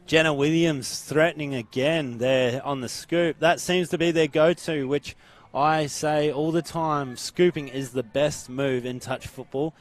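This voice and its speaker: A man's voice: on the high side, fairly even intonation, a little slow, hardly any pauses. A man with an Australian accent doing live play-by-play commentary at an outdoor sports ground, upbeat and naming players by number.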